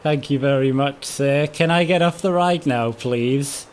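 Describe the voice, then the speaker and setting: A man's voice: medium pitch, unhurried, slight background noise. A man hosting a let's-play, talking in a sarcastic, rambling, sweary way. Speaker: gaming channel host. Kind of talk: casual let's-play commentary.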